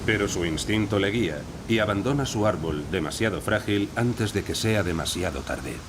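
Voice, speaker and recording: A man's voice: fairly low pitch, animated, normal speed. A man reading scripted narration as the narrator of a nature documentary. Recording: insect and wildlife noise behind voice. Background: rainforest ambience with crickets and insects.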